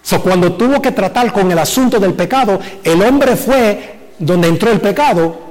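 A man preaching a sermon as pastor, animated and full of rhetorical questions, mixing in English filler words. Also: high-pitched, normal speed, in a large hall. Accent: Puerto Rican Spanish from the US Northeast. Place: church sanctuary.

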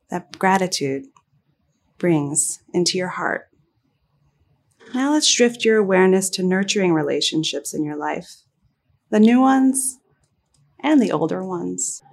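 A woman leading a guided gratitude meditation in a soft, soothing, unhurried manner. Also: medium pitch. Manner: soft, unhurried, soothing delivery with long pauses.

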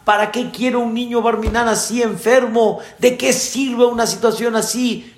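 A man's voice: high-pitched, steady tone, very slow, gravelly, dark tone, reverberant, voice pushed up, full character voice. A man, acting out a distraught father during a sermon story. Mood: anguished. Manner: pleading, crying out in distress. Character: grown man, anxious worried father.

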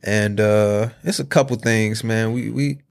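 A young American man chatting casually in slang, haltingly repeating himself as he works through his thoughts. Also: fairly low pitch, steady tone, creaky. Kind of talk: casual chat.

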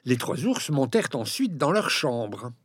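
Slow, expressive, husky male storyteller. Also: medium pitch, no room sound. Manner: expressive, addresses listeners directly. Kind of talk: storybook reading for children.

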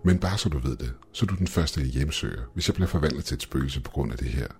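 A man voicing a frightened young woman who shouts in desperate panic, within a horror story reading. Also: extremely low pitch, lively intonation, faint music behind. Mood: nervous.

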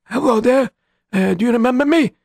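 A man's voice: very high voice, fairly quick, creaky, a little mellow, slight background noise, voice pushed up. A man voicing a very old, poor and humble man who politely asks after an old friend. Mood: eager. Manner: repeats himself, humble.

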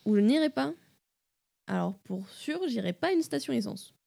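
A woman's voice: on the high side, lively intonation, normal speed, vocal fry, warm tone. A woman guest on a radio chat show, easygoing and often laughing. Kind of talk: casual chat.

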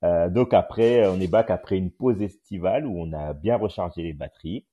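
A man with a very low, mellow, slightly husky voice hosts a casual live podcast room. He talks haltingly with frequent filler sounds, and he is picked up by a phone mic on an audio chat app. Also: lo-fi sound. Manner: hesitant, many filler sounds. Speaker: podcast host and journalist.

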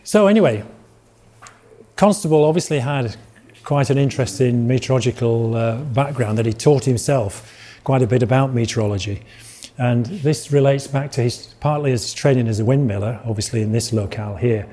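A man's voice: mid-range voice, moderate pace, dark tone, husky. A middle-aged man with a Yorkshire accent giving an illustrated lecture, rambling with restarts and asides.

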